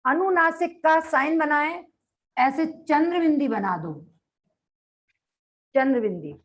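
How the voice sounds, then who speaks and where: A woman teacher giving a grammar lecture, dictating notes slowly and repeating phrases, asking the class questions and answering them herself. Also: high-pitched, expressive. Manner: slow, repeats phrases for note-taking.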